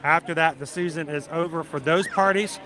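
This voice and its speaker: A middle-aged man from South Georgia with a deep Southern accent, chatting casually and folksily as he hosts a livestream. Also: a little fast, pushed and bright, a faint crowd. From South Georgia, United States. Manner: chatty, folksy, greets viewers by name. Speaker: livestream host. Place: outdoors in a busy theme park.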